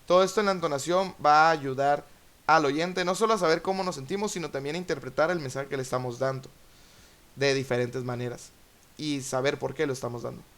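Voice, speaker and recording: A man's voice: on the high side, a bit bright. Man explaining in a lecturing tone. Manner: measured, lecturing with frequent fillers. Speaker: podcast host, Spanish teacher. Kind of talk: explanatory podcast talk.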